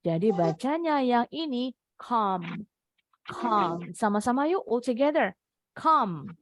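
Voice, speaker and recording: A woman's voice: on the high side, very animated. A young woman from Indonesia teaching an online English class to children, drilling words over and over and coaxing the pupils. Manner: drills words, repeats them slowly, coaxing. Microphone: computer mic on a video call.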